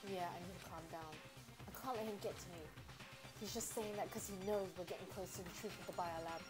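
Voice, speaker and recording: A woman's voice: lowish voice, fast. A woman streaming a video game, chatting casually, laughing often and letting out mild exclamations. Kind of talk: casual let's play commentary. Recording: stream mic over game music. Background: game music.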